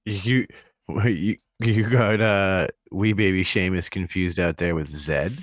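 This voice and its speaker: Low-voiced laid-back man. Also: measured pace, dry recording. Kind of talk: casual chat.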